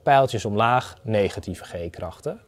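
Speaking slowly with lively intonation, a man in his thirties lays out a technical explanation as an expert guest. He's a data analyst, conversational and didactic, going step by step, and his voice sits lowish. The setting is an indoor garden atrium inside a university building.

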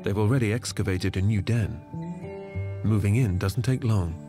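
Male narrator for nature documentary, fairly deep voice, scripted storytelling delivery, music underneath. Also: moderate pace. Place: studio voice-over. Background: background music.

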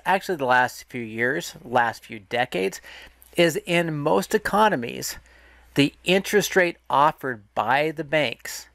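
A market educator with a medium-pitched, fairly bright voice walks through a market analysis lesson over a screen recording. He explains step by step, restarting and correcting himself along the way, and the recording is dry.

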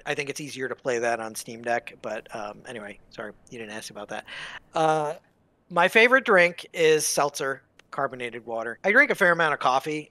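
A man's voice: medium pitch, bright, forceful tone, no echo. A middle-aged man chatting casually as a podcast guest, rambling through stories and cutting himself off with asides. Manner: rambling, self-interrupting, laughs at own stories. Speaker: guest game developer. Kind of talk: casual chat.

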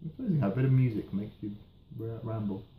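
A British man in his thirties chatting casually and haltingly in a relaxed, rambling review, often trailing off. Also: lowish voice, phone-quality sound. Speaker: pipe tobacco reviewer. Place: indoors, small room at home. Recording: roomy echo, faint background noise.

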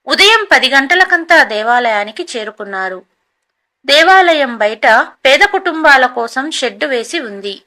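A woman storyteller giving a scripted narration in an even, storytelling delivery. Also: sits high.

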